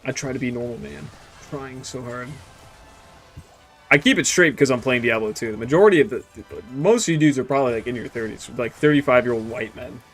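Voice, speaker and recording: Faint music sits under this brisk, fairly bright medium-pitched voice of a man in his twenties. As a gaming streamer in casual chat while playing, he rambles, jokes crudely, and keeps trailing off into mutters.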